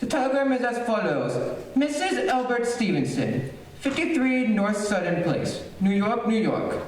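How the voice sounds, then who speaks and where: A woman's voice: on the high side, sing-song, a little mellow. Woman as a formal telegraph clerk, very echoey. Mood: businesslike. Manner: formal, measured recital. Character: businesslike, impersonal telegraph clerk reading out a telegram. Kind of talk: old-time radio suspense play acting on stage. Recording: very echoey hall, distant mic, faint noise.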